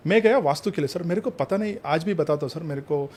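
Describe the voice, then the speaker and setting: A man with a somewhat high voice speaks as a numerologist and vastu consultant. He tells his stories earnestly, slips between Hindi and English phrases, and keeps calling his interviewer sir. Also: fast talker, a little mellow, husky. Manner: addresses the host as sir in nearly every sentence. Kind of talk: earnest anecdotal storytelling.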